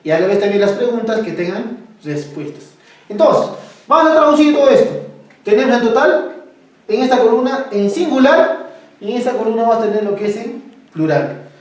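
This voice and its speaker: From Cusco, Peru, a woman teaches a classroom language lesson, asking her students questions and coaxing answers out of them. Her voice is a little high, expressive and darkish, at a moderate pace. She is far from the mic in a very echoey room.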